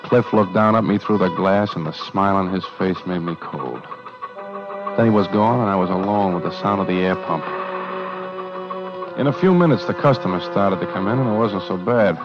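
Hard-boiled carnival showman, male actor, low voice, tense clipped narration, music behind, lo-fi old radio. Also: moderate pace, close to an everyday voice. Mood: grim. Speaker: narrator and lead character. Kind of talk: 1940s radio acting.

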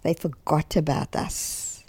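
An older South African woman recounts her family's past in a halting, emotional way, repeating words as she goes. Her voice sits lowish and mellow, recorded close and dry. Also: fairly even intonation, breathy edge, dry recording. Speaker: interviewee. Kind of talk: emotional personal recollection.

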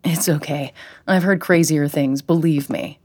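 A woman voicing a friendly, reassuring young male care-home worker who talks briskly. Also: low-pitched, a little mellow, slight background noise.

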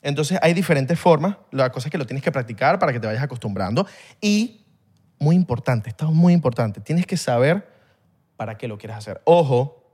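A man's voice: medium pitch, lively intonation, normal speed, darkish tone, husky. A man, hosting a podcast and explaining a topic in casual, rambling chat full of slang. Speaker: podcast host.

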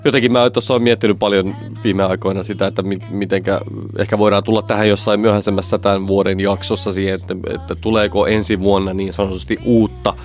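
A man's voice: on the low side, little pitch movement. A man co-hosting a podcast who chats about music, thinking aloud with frequent restarts. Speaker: podcast co-host. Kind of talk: casual music discussion.

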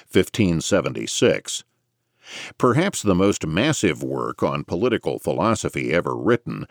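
A man's voice: low voice, dry recording, clean studio sound. A man narrating scripted nonfiction as an audiobook reader, in a formal, scholarly lecturing manner.

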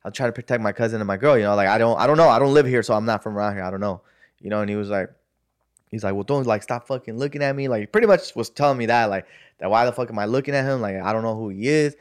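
A man's voice: on the low side, racing, smooth. A young man telling a story in casual chat, loose and slangy, with lots of fillers and cursing.

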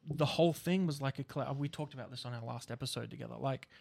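A man's voice: medium pitch, fast talker, creaky, a little mellow. A young man hosting a podcast, telling stories in a rambling, casual way, swearing freely. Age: young adult. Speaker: podcast host. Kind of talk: casual chat.

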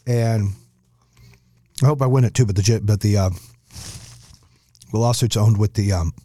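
A man's voice: lowish voice, unhurried, warm tone, no echo. A middle-aged man hosting his own podcast, talking on his own in a blunt, profane, rambling way with lots of fillers, close to the mic. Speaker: podcast host. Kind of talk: casual solo podcast talk. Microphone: close studio mic.

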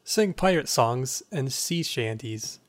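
A man's voice: mid-range voice, animated, slow pace, no room sound. A man reading game text aloud as narrator in a casual playthrough, without putting on character voices.

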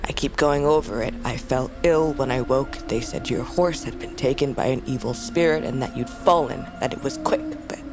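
A female voice, rumbling and low, belongs to an actress playing a grieving young wolf-tribe princess in a fantasy audio drama, fierce yet lonely. She speaks solemnly, intimately and haltingly over background music.

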